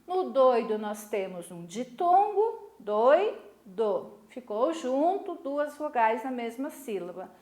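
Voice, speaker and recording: A woman's voice: sits high, sing-song, slow pace, hardly any pauses, darkish tone. A Brazilian woman teacher giving a recorded lesson, patient, checking in often with short tag questions. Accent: Brazilian Portuguese. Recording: echoey room.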